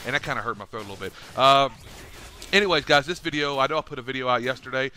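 A man's voice: medium pitch, fast talker, pushed and bright, a little hiss or hum. A man hosting a casual gaming vlog, talking in a loose, rambling way with many fillers and restarts. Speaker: gaming YouTuber.

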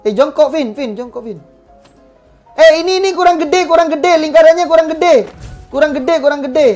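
A gaming channel host with a high, darkish-toned voice runs a game session with live commentary, barking repeated orders at players and swearing casually. She speaks at a moderate pace, with faint music in the background.

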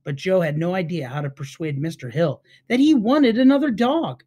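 A woman reading a children's book aloud to listeners, with an expressive, unhurried delivery. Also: lowish voice, husky.

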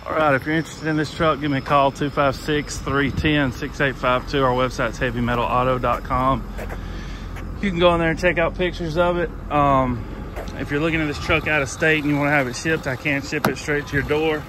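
A man's voice: on the high side, fairly even intonation, fairly quick. A man selling a used truck in a plain-spoken, rambling way, full of fillers and restarts, filmed on a handheld phone outdoors at a truck lot. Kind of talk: casual sales walkaround. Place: outdoors at a truck lot, later in a parked truck cab. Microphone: handheld phone camera. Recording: noisy outdoor phone recording.

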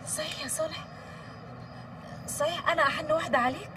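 A woman's voice: high-pitched, animated, quick pace. An actress playing a doting, emotional Egyptian woman in a TV drama. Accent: Egyptian Arabic. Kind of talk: TV drama acting. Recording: distant mic, heavy background noise.

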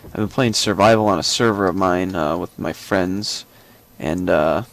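A man's voice: low voice, moderate pace, a bit bright. A young man casually commenting as he plays a video game, thinking aloud with lots of fillers and small joking asides. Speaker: gameplay commentator. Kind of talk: casual let's-play commentary.

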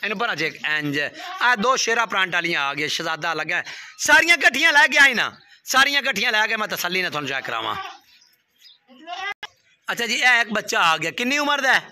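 A man hosting a casual outdoor video and haggling in a brisk, bossy way. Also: sits high, very animated, sharp tone. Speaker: livestock dealer and video host. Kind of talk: casual on-camera bargaining. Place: outdoor farmyard.

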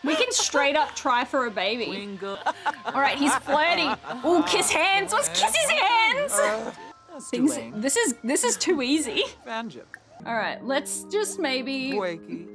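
A woman streaming a life sim game, chatting casually, swearing a lot and laughing loudly. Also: sits high, expressive, unhurried, long pauses, over loud music. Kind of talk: casual gameplay commentary.

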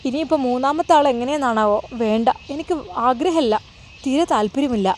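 A woman's voice: high voice, brisk, slight background noise, voice pushed up, natural voice. A woman voicing a heartbroken young woman who talks in a tearful, bitter, pleading way, with faint crickets behind. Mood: hurt, bitter. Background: faint evening crickets.

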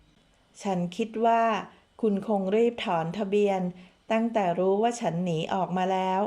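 A woman's voice: mid-range voice, fairly even intonation, a little slow, warm tone, lightly acted. A woman reading a novel aloud, voicing a defiant young bride who ran away, speaking in a pleading, defiant way.

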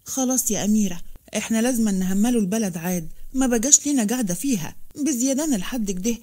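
A woman playing a young Upper Egyptian husband who defies his father and protests in a rapid rush of words. The voice stays mellow and soft-edged, like a storybook reading. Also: on the high side, close to an everyday voice. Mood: protesting. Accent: Upper Egyptian Arabic. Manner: pleading, protesting.

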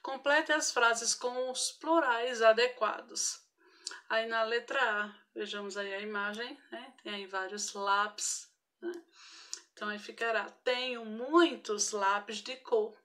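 Brazilian lady teacher doing an online class for kids, kinda high voice, really slow, patient, keeps checking in. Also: steady tone, fairly bright tone. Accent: Brazilian Portuguese. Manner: patient, frequent tag questions, spells out each example. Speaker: primary school teacher. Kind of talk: online grammar lesson for children.

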